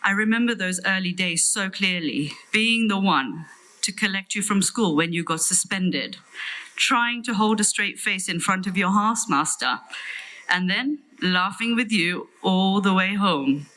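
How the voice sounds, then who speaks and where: Bright-voiced British woman giving a tender eulogy. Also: mid-range voice, low-quality recording. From London, England. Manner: tender, solemn, measured delivery. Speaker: sister giving a farewell eulogy. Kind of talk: prepared eulogy speech.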